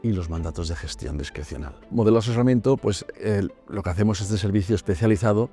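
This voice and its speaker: A man in his fifties from Madrid, a private bank executive speaking in a corporate interview, measured and pausing often with "eh". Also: fairly low pitch, mellow, faint music behind. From Madrid, Spain. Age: 50s. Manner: measured, with frequent "eh" pauses.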